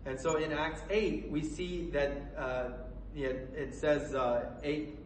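In an echoey room with a distant mic and faint noise behind him, a Colorado man delivers a sermon. His fairly high voice stays fairly even in intonation as he speaks earnestly but haltingly, stumbling through fillers and restarts.

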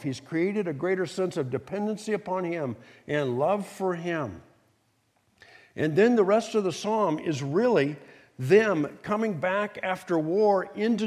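A man's voice: sits high, a little mellow. A man preaching a sermon, reading scripture and acting out the voices of the people he talks about. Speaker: pastor. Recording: long hall reverb.

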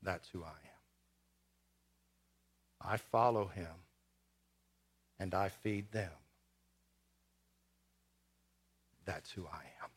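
A man playing a repentant apostle in a first-person sermon monologue, speaking haltingly and repeating words. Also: low-pitched, husky, voice pushed down, exaggerated voice. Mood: solemn. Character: repentant apostle, grown man, humbled and earnest.

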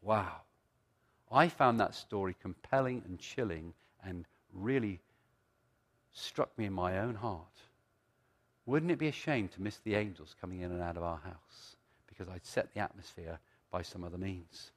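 A man's voice: sits low, moderate pace. A middle-aged or older man, preaching conversationally, telling stories, repeating phrases for emphasis and posing rhetorical questions. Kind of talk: sermon with storytelling and teaching.

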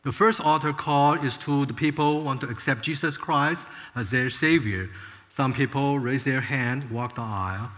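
A man's voice: medium pitch, normal speed, a bit bright. A man in his sixties, from Taiwan, telling his life story in an earnest testimony talk, often restarting his sentences. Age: 60s. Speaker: former space scientist giving a testimony. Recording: long hall reverb.

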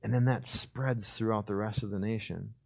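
A male pastor delivers an impassioned sermon in a low-set voice. He climbs into loud, fervent bursts, then drops to hushed, slow emphasis. He acts out the voices of the figures in the story as he tells it. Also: steady tone, vocal fry. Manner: acts out voices of biblical figures in his retelling.

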